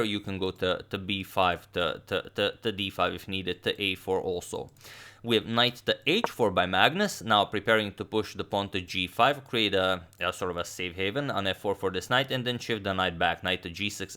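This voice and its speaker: A man in his thirties giving chess game commentary, explaining move by move in a halting delivery. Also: deep voice, sharp tone, clean tone. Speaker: chess commentator, channel host. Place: small room indoors.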